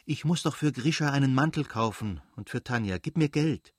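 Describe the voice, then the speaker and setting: A man voicing a gentle, kindly young mother who speaks softly and pleadingly in an audiobook reading. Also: mid-range voice, lively intonation, moderate pace, no room sound, studio quality, pitched above the performer's own voice, natural voice.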